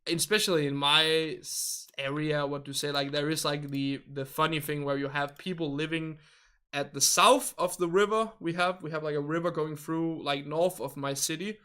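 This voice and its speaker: A Danish-accented man hosts a casual game stream, chatting loosely with his viewers, often hunting for the right English word and laughing along the way. His voice sits a little high with a sharp, bright edge. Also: fairly even intonation, normal speed, clear, resonant tone. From northern Denmark. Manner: chatty and rambling, laughs often, searches for words. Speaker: livestream host reading viewer chat. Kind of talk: casual livestream chat.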